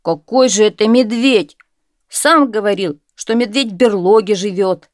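A woman voicing a boastful, dim-witted young male hunter in a storybook tale, exclaiming loudly and stretching her words. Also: mid-range voice, no room sound, studio quality, natural voice. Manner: loud, eager, drawn-out exclaiming.

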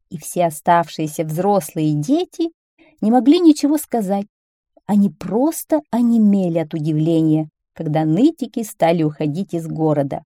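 A woman reading a children's story aloud in an expressive, animated way. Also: on the low side, no room sound, clean studio sound.

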